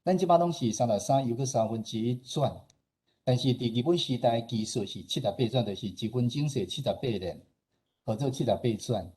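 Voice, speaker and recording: A mellow, medium-pitched man's voice with a breathy edge moves at a fairly quick clip. He is a radio station director and host with a Taiwanese accent, walking through an informal slide presentation. His style is chatty and explanatory, with phrases often ending in small particles inviting agreement.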